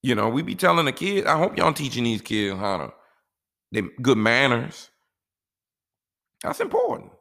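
A man's voice: medium pitch, huge pitch swings, normal speed, creaky, pauses often, a bit bright. A man talking casually and giving life advice in a laid-back, rambling way, often saying "you know".

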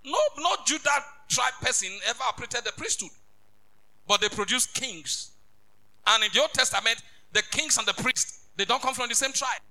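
High, bright-voiced preacher. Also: male voice, moderate pace, low-quality recording. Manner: emphatic, repetitive, rising to shouts. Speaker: bishop preaching. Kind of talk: sermon.

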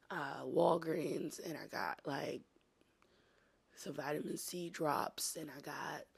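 A sick, congested woman podcast host with a smoker's rasp, hoarse and breathy, giving a casual personal update. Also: deep voice. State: sick, congested and wheezy, coughing and throat-clearing.

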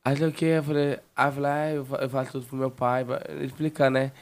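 A man's voice: mid-range voice, little pitch movement, fast. A man, chatting casually as a guest. He tells a long personal story, repeating words and restarting his sentences as he goes.

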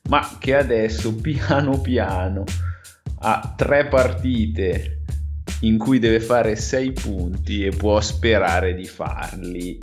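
A man hosting a podcast with casual football chat, thinking aloud in a hesitant, rambling way. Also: sits low. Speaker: podcast host.

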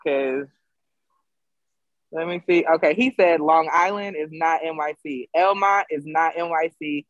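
A young man chats in an upbeat way, his voice sitting on the higher side. He sounds close to the mic, and the recording is dry. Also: a little slow, fairly bright tone, no echo, lo-fi sound. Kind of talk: casual chat.

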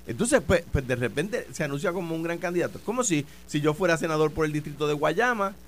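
A Puerto Rican man argues politics with insistence, hammering his points home through repetition. His voice sits fairly high for a man. A faint hum runs under the recording. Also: expressive, quick pace. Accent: Puerto Rican Spanish. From Puerto Rico. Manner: insistent, repeats points, interrupts. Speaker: political commentator, former governor. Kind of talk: heated political debate.

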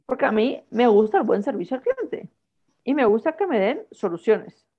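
A woman's voice: a little high, moderate pace, muffled recording. A woman from Guatemala, co-hosting a casual chat and telling stories that she acts out with little bits of dialogue. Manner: animated storyteller who acts out dialogue. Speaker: podcast co-host.

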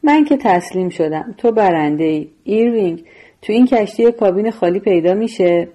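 A woman's voice: mid-range voice, animated, dark tone, natural voice. A woman voicing a menacing, coldly sarcastic male gangster boss in a story reading.

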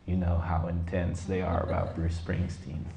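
A man telling a reflective personal story to a group, halting, with many fillers. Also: low-pitched, completely flat delivery, creaky, warm tone, a little hiss or hum. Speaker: group participant sharing a story. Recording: roomy echo.

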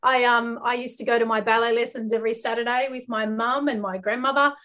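A woman's voice: on the high side, fairly even intonation, fairly quick, fairly bright tone. An Australian woman from Western Sydney, chatting as a podcast guest with many fillers and restarts. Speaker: guest, arts educator. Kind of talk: casual podcast interview.

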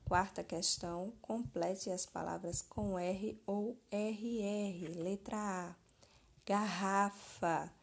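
A woman teacher reads out answer keys for young pupils, slowly and deliberately, spelling words out. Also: mid-range voice, steady tone, gravelly, darkish tone, breathy edge. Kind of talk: slow classroom answer-key reading.

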